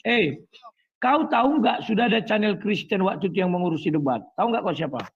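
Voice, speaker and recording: A man arguing heatedly in an online debate, loud, interrupting and scornful. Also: high-pitched, fast, breathy edge, lo-fi sound. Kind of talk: heated argument.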